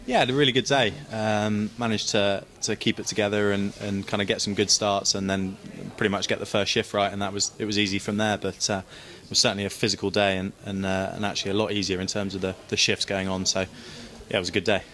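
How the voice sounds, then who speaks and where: A man's voice: on the low side, level tone, fast talker, few pauses, a bit bright. A young man, a sailor being interviewed, chatting in an upbeat, self-deprecating way. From Great Britain. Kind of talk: casual post-race interview.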